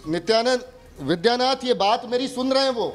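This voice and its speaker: High-voiced male field reporter. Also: a little fast. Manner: calls out loudly toward a closed door. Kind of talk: on-location news report.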